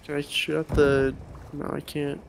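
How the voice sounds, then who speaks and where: A gravelly, slightly high man chats casually while gaming, directing his squad with quick calls. His headset mic carries a faint hiss. The talk is loose and friendly. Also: completely flat delivery. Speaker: streamer playing with friends.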